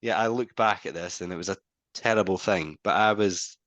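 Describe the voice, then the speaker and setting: Deep-voiced man, lively storyteller. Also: fairly quick, dry recording. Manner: animated storyteller, acts out phone calls. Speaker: podcast co-host. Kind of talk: casual podcast conversation.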